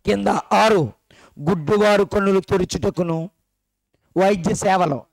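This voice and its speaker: A man with a fairly high voice delivers a sermon at a church gathering. He keeps throwing questions at his listeners and teases them along the way. The recording is dry and close, with little room sound. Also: measured pace, gravelly, no echo. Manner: questions the congregation directly and teasingly. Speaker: preacher. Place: church meeting hall.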